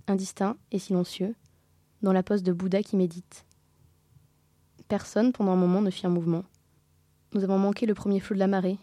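Woman narrating a classic novel, very mellow dark tone, measured and dramatic. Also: mid-range voice, dry recording. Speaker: audiobook reader. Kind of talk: scripted literary narration.

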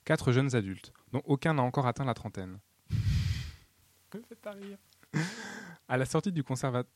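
A man's voice: medium pitch, very animated, moderate pace, dry recording. Man reading aloud, dry close sound. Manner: stumbling, restarting phrases. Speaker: podcast co-host.

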